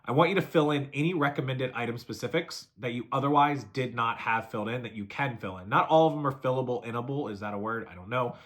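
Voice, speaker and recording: Brief: man in mid pitch, rapid-fire coaching delivery, casual how-to video host. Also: a bit bright. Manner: brisk, coaching, lists steps and repeats them. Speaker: reseller giving selling tips. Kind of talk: fast casual how-to talk to camera.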